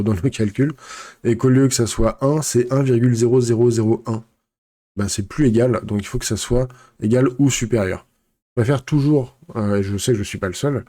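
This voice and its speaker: Man, tutorial teacher; mellow, low-key tone, patient step-by-step explaining with filler words. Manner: relaxed explaining, frequent fillers and self-corrections. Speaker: game development tutorial teacher. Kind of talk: screen-recorded software tutorial.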